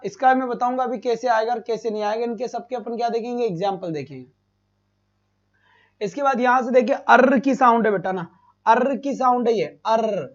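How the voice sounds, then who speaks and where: Brief: male tutor, live class, asks then answers himself, loud bursts of praise, dull lo-fi sound. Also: very high voice. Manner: addresses students as beta, asks and answers own questions. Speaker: teacher. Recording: dull lo-fi stream audio.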